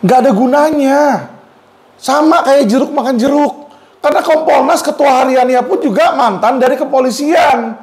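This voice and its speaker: A man's voice: very high voice, darkish tone. A man giving blunt legal commentary, speaking straight to viewers in a combative, mocking way.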